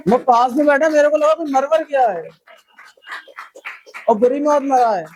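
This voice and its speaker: A man's voice: very high voice, normal speed, a little mellow, slight background noise, poor audio. A young man doing a stand-up comedy set, chatty and teasing the crowd, acting out the people he quotes.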